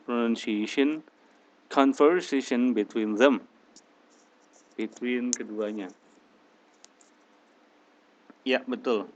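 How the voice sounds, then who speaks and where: A man's voice: medium pitch, a little hiss or hum. A man teaching an English class online, talking in a hesitant way with many restarts and mixing in English phrases. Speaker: English tutor.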